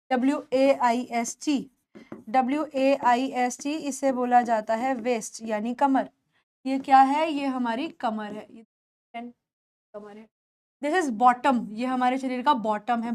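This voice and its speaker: A young woman with an Indian accent, teaching a beginners' English lesson in Hindi mixed with English, repeating words slowly for pronunciation. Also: fairly high pitch, a little mellow.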